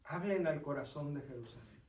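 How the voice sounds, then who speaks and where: A man's voice: on the high side, animated, fairly quick, darkish tone. A man, a deacon, reads scripture aloud to a group, explains it and asks his listeners questions. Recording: roomy sound from a distant mic.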